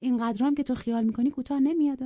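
A woman voicing a sensible older housekeeper who gives firm, measured counsel. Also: sits high, fairly even intonation, dark tone, no echo, voice pushed up, natural voice. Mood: cautioning. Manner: measured, cautioning. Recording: dry, dull lo-fi recording.

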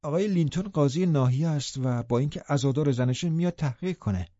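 A man reading an audiobook, voicing an old pious male servant who speaks in a hushed, slow, disapproving way. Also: a little high, no room sound, highs cut off, close to an everyday voice. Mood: shocked. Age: older.

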